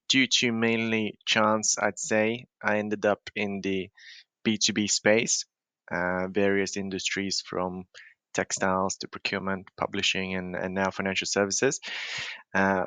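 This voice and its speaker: A man from Lithuania speaks as a podcast guest with a low, smooth, resonant voice. His tone is bright and forceful, and the recording is dry and close. He explains things in a measured way, with frequent ums and uhs. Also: no room sound. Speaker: podcast guest, marketing professional. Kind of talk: conversational interview answers.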